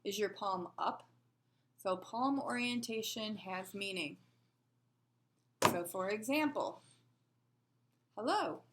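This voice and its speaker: A woman's voice: medium pitch, slow, pauses often, very noisy. A woman teaching a sign language lesson, patiently explaining and asking rhetorical questions as she demonstrates.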